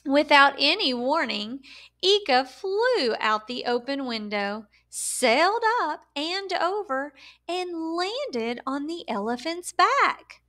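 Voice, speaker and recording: Here a female storyteller reads a kids' picture book in a high, sing-song voice with a sharp edge. Her delivery is slow and careful, words emphasized for a young audience, and her intonation moves in broad, expressive swings.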